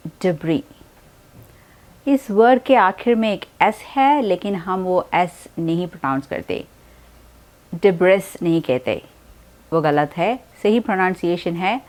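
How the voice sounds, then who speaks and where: A young woman with an Indian accent teaching English pronunciation, explaining calmly and repeating each word slowly for practice. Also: on the low side. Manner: spells out words slowly and repeats them for practice. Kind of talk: slow explanatory lesson.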